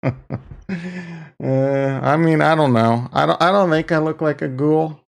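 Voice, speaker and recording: A man hosting a livestream in casual, rambling, self-deprecating slangy chat, with a gravelly morning voice. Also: a little high, slow. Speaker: livestream host.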